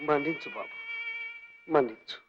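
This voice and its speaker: A man's voice: on the high side, huge pitch swings. A broken old ruined rich man. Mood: weary broken. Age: older. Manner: tearful, pleading, slow and grieving. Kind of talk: 1950s Telugu film acting. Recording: dull old film soundtrack, faint music.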